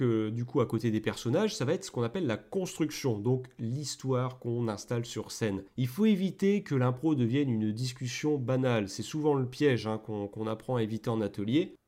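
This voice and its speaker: A man at an ordinary middle pitch explains improv theatre in relaxed, everyday speech. His phrasing is loose and chatty, full of small fillers and restarts, like someone talking it through rather than reading. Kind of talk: casual spoken explainer.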